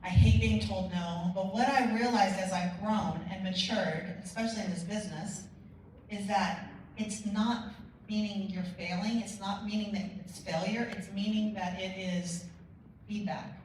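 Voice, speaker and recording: A woman delivers an energetic keynote full of stories and quoted conversations. She sounds a little distant from the mic, in a very echoey hall with a faint room hum behind her. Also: medium pitch, measured pace. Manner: energetic storytelling with quoted dialogue. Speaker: motivational speaker. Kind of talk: conference keynote speech. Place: large conference hall.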